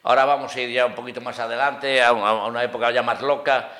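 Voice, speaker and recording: A man's voice: mid-range voice, level tone, fast talker, bright, forceful tone. A man, a radio guest telling jokey stories in casual chat, with hesitant restarts. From Pontevedra, Galicia, Spain. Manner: joking storyteller, hesitant restarts. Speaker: radio guest, retired teacher.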